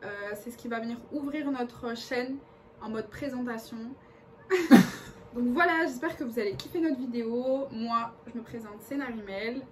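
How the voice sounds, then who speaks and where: A woman's voice: on the high side, moderate pace. A young woman in a casual couple Q&A video, chatty and giggly, often talking over her partner. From France. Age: young adult. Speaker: co-host. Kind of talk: casual chat. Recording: distant mic with clear background noise.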